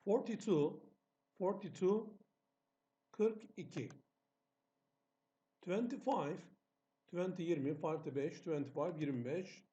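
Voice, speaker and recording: A man's voice: a little high, slow pace, pauses often, warm tone. Patient male teacher, muffled voice-over. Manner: patient, repeats questions to students then answers. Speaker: English teacher. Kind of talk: exam-prep lesson narration over slides.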